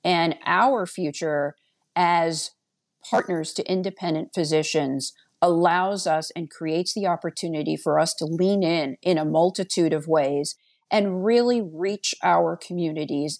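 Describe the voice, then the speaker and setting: A woman's voice: fairly low pitch, gravelly, a little mellow. A woman giving earnest, plainspoken interview answers as a podcast guest. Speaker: podcast guest, healthcare business executive.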